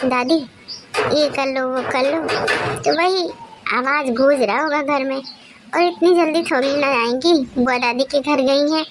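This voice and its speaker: A respectful young daughter-in-law in a cartoon, eager to please and always polite. Her voice is very high, with faint noise in the background. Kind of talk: cartoon character voice.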